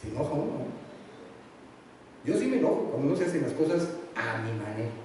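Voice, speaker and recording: A man preaching a sermon, telling the story in a lively, humorous way and acting out the characters' voices. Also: mid-range voice, fairly quick. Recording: echoey hall, distant mic, faint noise.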